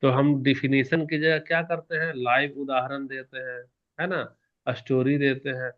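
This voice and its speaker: A male teacher giving an exam-prep lecture in a lively manner, asking questions and answering them himself while shifting between soft and loud. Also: medium pitch, normal speed, lo-fi sound. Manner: animated, varies loudness and pace, asks questions and answers them himself.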